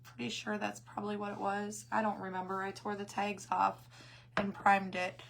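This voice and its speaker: A woman with a hoarse, failing voice that cuts in and out, chatting casually as she hosts a craft livestream and greets her viewers. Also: mid-range voice, monotone, normal speed, slight background noise. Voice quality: hoarse, voice cutting in and out. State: losing her voice after coughing.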